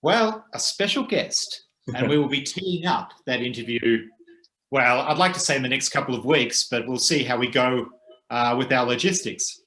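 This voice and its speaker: Male co-host, measured and halting delivery, roomy sound. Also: medium pitch, bright, forceful tone. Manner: thoughtful, hesitant with frequent "uh" pauses. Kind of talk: casual conversational chat. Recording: roomy echo.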